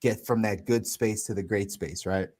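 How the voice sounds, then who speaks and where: A man in his thirties with a fairly low voice, co-hosting a podcast. He muses aloud in a relaxed, conversational way, tossing in "right?" as he works through an idea. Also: moderate pace. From United States. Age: 30s. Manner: reflective, thinks aloud with many "right?" asides. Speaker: podcast co-host. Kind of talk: casual chat.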